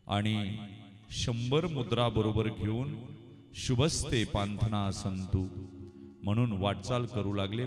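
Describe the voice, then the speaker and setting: A male kirtan preacher telling a devotional story in a dramatic, sing-song way with emotional swells. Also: on the low side. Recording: reverberant hall with music.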